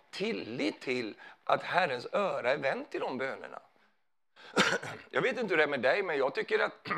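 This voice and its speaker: A man's voice: a little high, creaky, fairly bright tone. A man preaching a sermon in a conversational way, often putting questions to his listeners.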